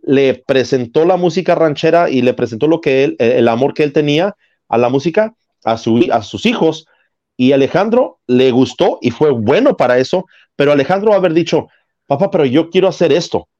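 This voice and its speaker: A man's voice: on the high side, lively intonation, fairly quick, warm tone. A man, co-hosting a casual podcast chat and explaining his views through long analogies. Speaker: podcast co-host. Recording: slightly dull lo-fi sound.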